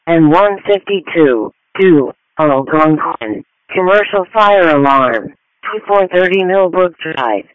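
A man's voice: high voice, no room sound. A male dispatcher announcing emergency calls in terse, formulaic phrases over a tinny radio channel.

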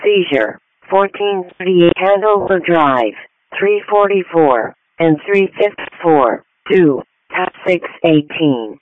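A man's voice: high-pitched, expressive, slow pace, dry recording. A male dispatcher announcing emergency calls in terse, formulaic phrases over a tinny radio channel.

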